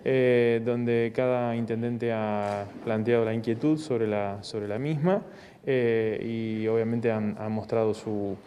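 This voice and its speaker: A man, a provincial government official who gives an interview in a hesitant, measured way. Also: medium pitch, fairly even intonation, long reverb tail, lo-fi sound, a little hiss or hum. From Argentina. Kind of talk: interview about public works.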